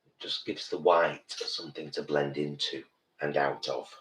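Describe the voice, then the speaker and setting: A man's voice: very deep voice, fairly even intonation, moderate pace, fairly bright tone. A British man in his early fifties, a campy drag queen chatting casually and thinking aloud during a live makeup session. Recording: roomy, distant, noisy background.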